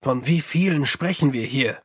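A man voicing a gruff, weary middle-aged police commander who talks in a dry, blunt and grumbling way. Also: medium pitch, moderate pace, a bit bright. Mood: commanding.

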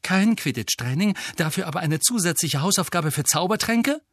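Brief: man as an indignant teen boy wizard, lifted pitch, protesting. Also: lively intonation, normal speed, a bit bright, dry recording, clean studio sound. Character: frustrated teenage boy wizard.

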